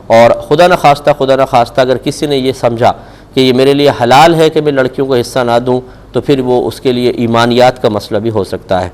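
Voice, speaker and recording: Answering religious queries on a live TV broadcast, this man has a Pakistani Urdu accent and a medium-pitched, darkish voice. He speaks firmly, admonishing listeners and asking rhetorical questions.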